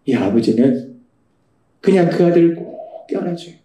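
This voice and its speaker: A pastor delivers an animated sermon, often putting rhetorical questions to the congregation. His voice sits high for a man but sounds mellow and dark in tone. The sound echoes through the church sanctuary. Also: moderate pace.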